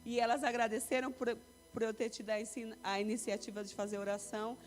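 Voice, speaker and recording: Woman telling a lively church testimony. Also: a little high, fast. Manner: lively storytelling, acting out quoted voices. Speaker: church speaker giving testimony. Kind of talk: sermon testimony. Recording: long reverb with faint music.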